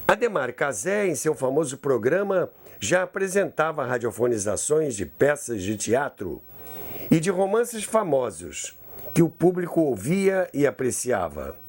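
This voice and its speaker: Very animated yet at a measured pace, a Brazilian man with a mid-range voice narrates a scripted story on the radio history podcast he hosts. He plays it theatrically and slips in conversational asides.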